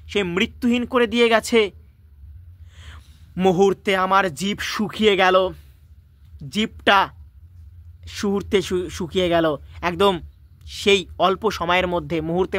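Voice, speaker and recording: A man's voice: high voice, pushed and bright, no room sound. A male teacher reading a story aloud and stopping often to explain its words and restate its lines.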